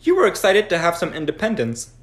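Wry young man, slightly high voice. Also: wildly swooping pitch, quick pace. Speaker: podcast co-host. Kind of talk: casual chat.

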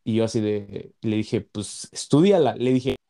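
A young man talks in a mellow, warm tone. He is earnest and a little halting, repeating words as he gathers his thoughts in casual conversation. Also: lowish voice, expressive, gravelly. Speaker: law student.

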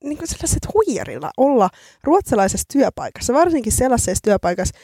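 A woman's voice: on the high side, big pitch swings, dark tone, husky, dry recording, clean studio sound. A woman co-hosting a podcast, chatting casually and poking fun at herself. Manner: chatty, self-mocking. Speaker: podcast co-host. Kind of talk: casual chat.

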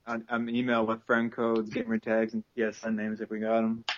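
A man hosting a podcast in casual chat, telling profane, animated stories and yelling out impressions of other people. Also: lowish voice, a little fast, background noise. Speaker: podcast host. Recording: dull lo-fi podcast audio.

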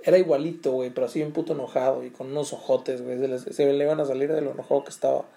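A man's voice: mid-range voice, fairly even intonation, very fast, creaky, warm tone. A young man with a Mexican accent, telling a story to his viewers in casual, slangy talk full of swearing and fillers. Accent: Mexican Spanish. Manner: slangy, swearing, restless retelling with many fillers. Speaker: vlogger.

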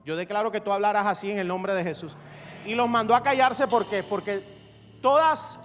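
A male pastor delivering an evangelical sermon, emphatic and repetitive, building to shouts. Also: high voice. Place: church sanctuary. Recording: reverberant hall with faint music.

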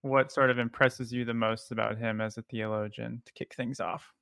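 A man's voice: mid-range voice, moderate pace, vocal fry, clean tone. A man hosting a podcast, reading a scripted intro and then chatting casually with fillers while interviewing a guest. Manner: casual, relaxed with filler words. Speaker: podcast host. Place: home.

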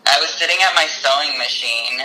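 Man on speakerphone, very bright and thin. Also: fairly high pitch, brisk, breathy edge. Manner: chatty, rambling, laughs often. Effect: on speakerphone over a phone call. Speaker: podcast co-host. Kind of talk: casual chat.

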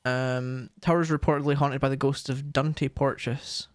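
A man's voice: medium pitch, flat delivery, moderate pace, no room sound, clean studio sound. A young Scottish man co-hosting a podcast, chatting casually and reading aloud. He swears often and laughs a lot. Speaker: podcast co-host.

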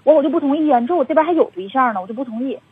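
A high-pitched, expressive woman's voice races through a phone-in confession, with no room sound on a tinny, dry telephone line. The caller is in her twenties, has a Northeastern Mandarin accent, and rambles with many fillers.

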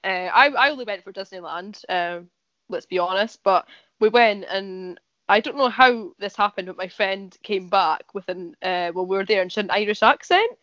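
A woman's voice: mid-range voice, moderate pace, fairly bright tone, dry recording, muffled recording. A woman hosting a podcast, chatty and giggly, full of "like". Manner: chatty, giggles often, fillers like "like". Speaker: podcast host. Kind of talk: casual interview chat.

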